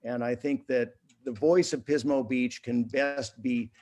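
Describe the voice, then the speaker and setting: A man's voice: mid-range voice, steady tone, unhurried, darkish tone. A man speaking as a mayoral candidate in a video-call forum, earnest and prone to restarting his sentences.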